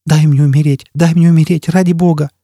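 A broken, terrified spacer, as a male reader puts him on, sobbing and shrieking his words in a raised, strained pitch. The voice stays husky and mellow, close and dry with no room around it. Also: fairly even intonation, fairly quick, no echo. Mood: begging. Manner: sobbing, frantic high cries. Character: panicked broken male spacer, wailing and begging.

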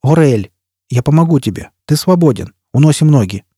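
A man's voice: on the high side, lively intonation, brisk, dark tone, husky, no echo, clean studio sound. A man voicing a cold, vengeful male interrogator with harsh, clipped commands. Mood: urgent.

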